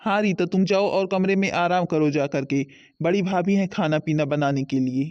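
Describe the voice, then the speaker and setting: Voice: medium pitch, moderate pace, a little mellow, no room sound, dull audio, voice pushed down, close to an everyday voice. A voice actor playing a blunt, reproachful young husband and son in a cartoon.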